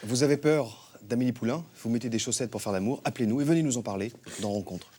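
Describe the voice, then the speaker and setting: An actor playing a deadpan parody talk show host who asks questions in a mock-serious, measured way. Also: male voice, mid-range voice, heavy background noise, close to an everyday voice. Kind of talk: comedy sketch acting.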